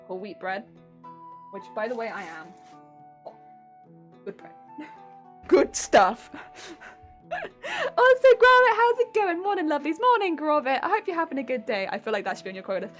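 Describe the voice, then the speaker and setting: A young woman from Hampshire, England, with a southern English accent, chats and giggles on a craft live-stream while sewing, rambling with frequent laughs. Her high-pitched voice is very animated and a bit bright, moderately paced with frequent pauses, over soft background music.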